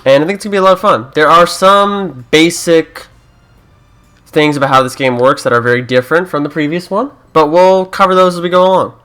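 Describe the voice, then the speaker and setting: A man's voice: on the high side, fairly quick, a bit bright, faint music behind. A young Canadian man who is a YouTuber, chatting casually through a let's-play, joking and reading game prompts aloud.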